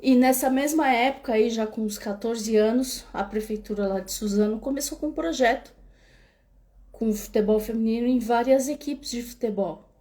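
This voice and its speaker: A woman's voice: fairly high pitch, normal speed, dark tone. Young Brazilian woman live-streaming from São Paulo roots. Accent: São Paulo Brazilian Portuguese. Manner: rambling, many restarts and filler tags. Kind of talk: casual livestream storytelling. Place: home in Spain. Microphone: webcam or phone camera.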